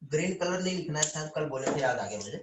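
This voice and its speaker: A man's voice: a little high, expressive, fast, reverberant, background noise. A man teaching biology in a live online lecture, calling students "beta" and often checking whether they understand.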